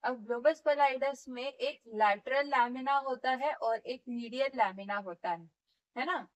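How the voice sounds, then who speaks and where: High-voiced woman giving a lecture. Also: slow, poor audio. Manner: explains step by step, often checking with "ठीक है" and "है ना"; demonstrates movements while teaching. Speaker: physiotherapy teacher. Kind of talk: classroom lecture.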